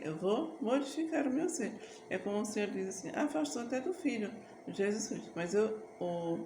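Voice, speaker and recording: A woman gives a rambling devotional sermon and breaks into slow worship singing. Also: fairly high pitch, roomy sound, noisy background. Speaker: preacher. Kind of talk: informal sermon with sung worship.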